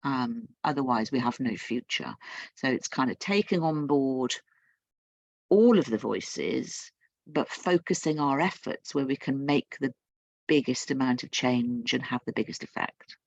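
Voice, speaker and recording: A woman's voice: a bass voice, lively intonation, measured pace, vocal fry, no echo, dull audio. A woman guest speaker from the United Kingdom answering webinar questions thoughtfully, with many restarts and fillers.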